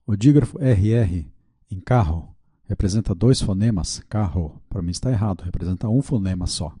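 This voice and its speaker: In a studio-quality recording with no echo, a man with a low, dark, slightly breathy voice teaches a video lesson at a moderate pace. Speaking with a Brazilian Portuguese accent, he works through quiz questions aloud, checks his answers, and admits his mistakes.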